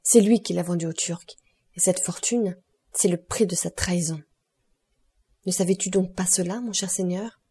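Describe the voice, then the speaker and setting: A woman's voice: lowish voice, moderate pace, warm tone, breathy edge. A woman voicing a fragile, passionate young woman in an audiobook, intense and bitter.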